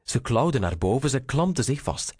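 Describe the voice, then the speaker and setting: A man reading a rhyming children's story aloud, slow, expressive and sing-song. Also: mid-range voice, breathy edge, no echo, clean studio sound.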